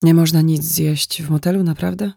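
A man's voice: on the high side, level tone, normal speed, vocal fry, mellow, husky, dry recording, clean studio sound. A man voicing a tired, tearful young woman traveler who speaks politely and unsurely. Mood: weary.

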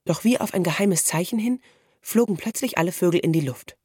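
A woman narrating a children's storybook in a calm, even storytelling manner. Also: lowish voice, a little fast, husky, no echo, studio quality. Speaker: audiobook narrator.

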